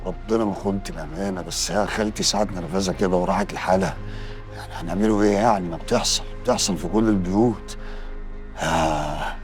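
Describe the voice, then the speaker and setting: Gruff Egyptian husband, gravelly low voice, defensive. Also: male voice, sing-song, quick pace, soft background music. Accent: Egyptian Arabic. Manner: gruff, dismissive. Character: defensive grown son-in-law.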